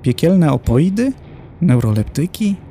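A man's voice: a little high, big pitch swings, a little slow, mellow, a little hiss or hum, voice pushed up. A man voicing a perverse, flirtatious noblewoman in hell with a lingering, sly way of speaking. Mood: curious.

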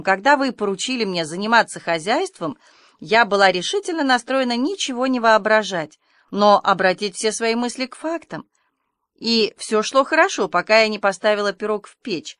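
A woman's voice: mid-range voice, a bit bright, no echo, close to an everyday voice. A woman reading the part of an imaginative, chatty orphan girl who pours out her thoughts in long, effusive runs. The sound is close and dry. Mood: contrite. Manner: breathless, effusive storytelling.

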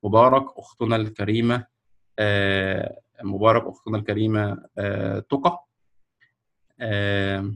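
Egyptian man, lowish voice, hosts an online award ceremony, halting delivery full of fillers. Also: flat delivery, vocal fry, a bit bright. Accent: Egyptian Arabic. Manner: slow, hesitant, many fillers and restarts. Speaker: ceremony host announcing winners. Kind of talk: ceremony announcement. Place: online video call presenting a screen.

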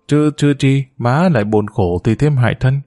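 A worried grown daughter speaks earnestly, coaxing her upset mother toward calm, as a man reading the story voices her. The voice stays at a plain middle pitch. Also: moderate pace, faint music behind, lightly acted.

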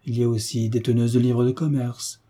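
A man's voice: medium pitch, little pitch movement, a little fast, warm tone, husky, natural voice. A man voicing a devoted, fawning governess in an audiobook, fussy and deferential. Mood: flustered. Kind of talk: audiobook character reading.

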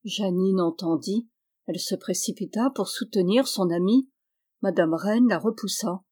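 A woman narrating a classic novel as an audiobook reader, with an even, measured reading. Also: mid-range voice.

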